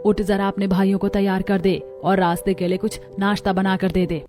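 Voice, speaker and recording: A woman's voice: medium pitch, level tone, fairly quick, a little mellow, faint music behind, natural voice. A woman voicing a stern mother who favors her sons, in a cartoon story, speaking in a scolding, harsh way. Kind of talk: cartoon voice acting.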